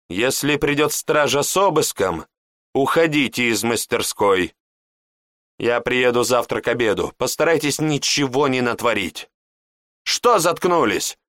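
A man's voice: mid-range voice, fairly bright tone, no room sound, voice pushed up. Scornful, domineering male mage teacher, voiced by a man narrator who barks orders in a raised, pinched tone, dry close recording. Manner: sneering, commanding.

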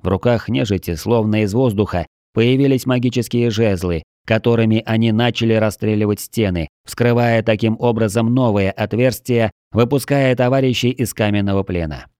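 A man reading a fantasy audiobook aloud in a measured storytelling manner, close to the mic. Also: lowish voice, a little mellow, smooth, no echo. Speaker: audiobook narrator. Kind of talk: scripted narration.

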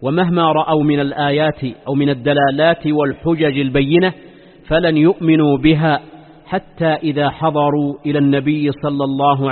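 Man lecturing in formal Arabic, echoing hall. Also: on the high side. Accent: formal standard Arabic. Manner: deliberate, repeats phrases and poses rhetorical questions. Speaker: religious teacher giving weekly Quran commentary lesson. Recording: long hall reverb, dull muffled sound.

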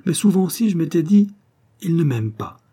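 A man's voice: fairly high pitch, lively intonation, moderate pace, mellow, slightly rough, voice pushed up. A man voicing a young woman in love, joyful and teasing, in an audiobook reading with an impassioned delivery.

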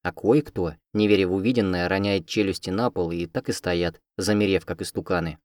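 Brief: male audiobook narrator, lowish voice, dry close mic, expressive. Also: brisk, dry recording. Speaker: audiobook reader. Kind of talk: first-person fantasy audiobook narration.

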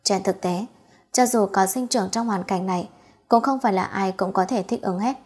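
A woman reading a romance novel aloud as audiobook narration, in a steady, even manner. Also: mid-range voice, normal speed, breathy edge.

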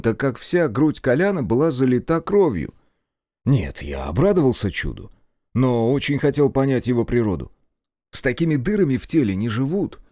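Lively male audiobook narrator, dry close sound. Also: medium pitch, dry recording. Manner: lively, shifts into shouted dialogue for arguments. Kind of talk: first-person audiobook narration with voiced dialogue.

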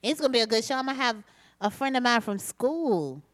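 A woman who hosts her own radio show, teasing and animated in casual chat. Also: a little high, a little fast. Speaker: radio show guest and fellow host.

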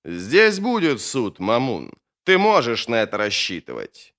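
A man's voice: mid-range voice, wildly swooping pitch, unhurried, a bit bright, heavily acted. A man reading an audiobook, voicing a ruthless, scornful old wizard with emphatic, raised delivery.

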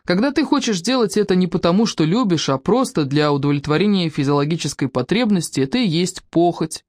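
A woman's voice: fairly low pitch, lively intonation, a little fast, darkish tone, no echo, clean studio sound. A woman voicing an elderly former army officer, fatherly and authoritative. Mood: instructive.

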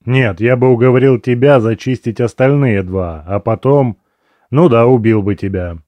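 A man's voice: mid-range voice, normal speed, dry recording, dull audio, lightly acted. A man reading an audiobook, voicing a crude, irritable male captive who swears and scoffs. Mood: scornful. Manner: swearing, scornful.

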